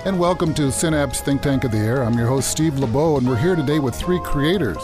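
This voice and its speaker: A man hosting a talk show, interviewing guests in a friendly, slightly halting way. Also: mid-range voice, lively intonation, over music. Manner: friendly, conversational, a bit halting. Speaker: host.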